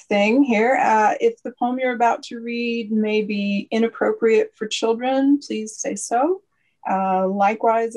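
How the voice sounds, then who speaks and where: A woman's voice: mid-range voice, darkish tone, low-quality recording. A woman hosting an online poetry reading who gives housekeeping notes and introduces the first poet, with frequent uh fillers. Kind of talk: event introduction. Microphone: online video call.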